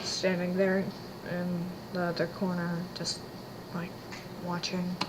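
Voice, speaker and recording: A woman voicing a slow, drowsy young stoner man who mumbles and drawls. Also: on the low side, monotone, heavy background noise. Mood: sheepish.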